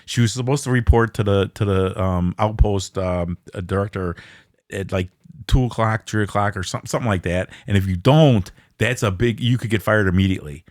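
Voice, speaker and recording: A man co-hosting a casual horror movie podcast, talking excitedly with lots of stammering restarts and blunt, profane words. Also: on the low side, brisk, dry recording, studio quality. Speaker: podcast co-host.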